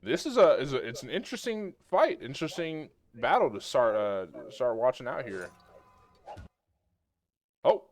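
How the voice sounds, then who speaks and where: A young man co-commentating an online game tournament, playful and bantering, reacting to fights with quick remarks. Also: medium pitch, big pitch swings. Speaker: esports co-commentator.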